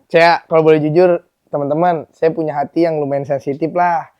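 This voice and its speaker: Fast-talking young man, candid. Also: a little high, steady tone, lo-fi sound. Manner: open, confessional, storytelling with sound words. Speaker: podcast guest, fighter. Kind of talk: casual chat.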